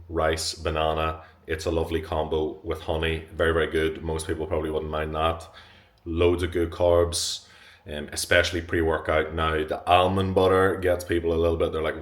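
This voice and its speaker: A young man chats to his camera about training, upbeat and loose, dropping swear words as he goes. His voice sits low and deep and barely rises or falls, so even his excitement comes out fairly level. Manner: upbeat, chatty, swears freely. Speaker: fitness vlogger. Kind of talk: casual talk to camera.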